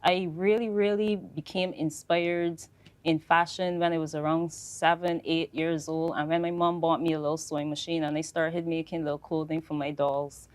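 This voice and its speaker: Young woman, low voice, measured panel speaker. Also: level tone. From Barbados. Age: young adult. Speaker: fashion designer on a panel. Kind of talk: panel talk.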